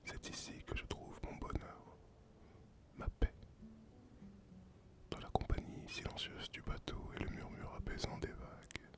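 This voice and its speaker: A performer voicing a solitary male sea captain and former pirate in a whispered role-play, breathy and unvoiced, telling the tale slowly and poetically to the listener. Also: close to an everyday voice. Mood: wistful, serene. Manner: slow, poetic storytelling addressed to the listener.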